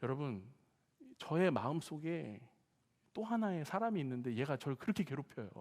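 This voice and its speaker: A man preaching a sermon as pastor, telling humorous stories in a lively way and often addressing the congregation directly. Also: fairly high pitch. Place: church sanctuary. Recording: long church hall reverb.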